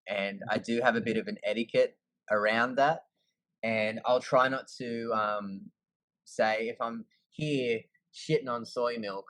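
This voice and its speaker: An Australian man being interviewed, telling stories in a relaxed, easygoing way with plenty of fillers. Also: on the low side, dry recording, poor audio. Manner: laid-back, easygoing, lots of fillers. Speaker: guest. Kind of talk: casual storytelling.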